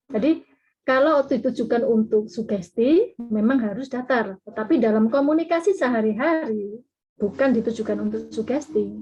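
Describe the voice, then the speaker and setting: A woman's voice: fairly high pitch, dark tone. A woman speaker giving an online parenting seminar, explaining patiently and acting out sample intonations. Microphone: video call audio. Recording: dull lo-fi video call audio.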